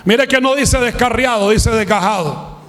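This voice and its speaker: A male pastor preaching a fiery sermon to a congregation, often shouting and calling for responses from the crowd. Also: extremely high pitch, normal speed. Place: church hall with congregation. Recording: long reverb of a large hall.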